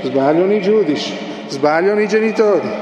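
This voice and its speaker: A man's voice: high voice, lively intonation, a little fast, highs cut off, a crowd in the background. A male preacher giving an impassioned sermon, pressing his points with emphatic repetition. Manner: impassioned, emphatic, repeats key phrases. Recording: echoey hall with long reverb, faint noise.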